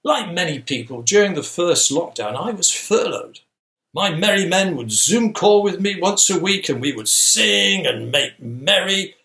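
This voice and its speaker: In an echoey room, a man plays a merry pantomime outlaw. The voice is fairly high and animated. He is jovial and coyly evasive. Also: measured pace, vocal fry, exaggerated voice. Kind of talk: comic monologue in a family pantomime.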